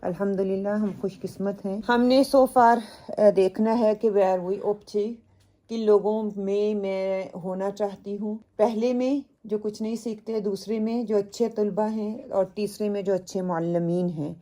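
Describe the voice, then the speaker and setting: A woman teaching a Quran translation lesson, mixing in English words, opening with prayers and repeating word lists slowly for her students. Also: mid-range voice, fairly even intonation, mellow. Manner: opens with prayers and blessings. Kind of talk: Urdu language lesson mixed with English.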